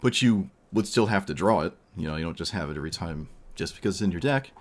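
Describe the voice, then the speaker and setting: A man's voice: low-pitched, animated, quick pace. A man streaming a card game, thinking aloud in casual commentary while losing his voice.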